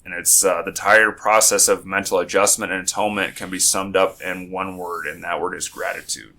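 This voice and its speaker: Low-pitched yet pushed and bright, this man's voice moves fairly quickly with fairly even intonation. He sounds groggy, like it's morning, as he hosts a laid-back podcast conversation, wandering off and often starting his sentences over.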